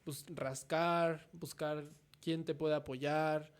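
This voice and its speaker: A man in his twenties with a Mexican accent, speaking as the guest artist in a casual interview. He thinks out loud and ends many thoughts with a questioning "no?". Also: a little high, little pitch movement, slow pace, clear, resonant tone. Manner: reflective, tags nearly every thought with a questioning "no?".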